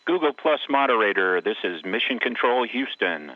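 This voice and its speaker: A man acting as mission control communicator, calling in clipped, measured radio protocol over a communications link. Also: fairly low pitch, expressive, no echo. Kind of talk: formal radio call procedure. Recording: dull, dry radio link.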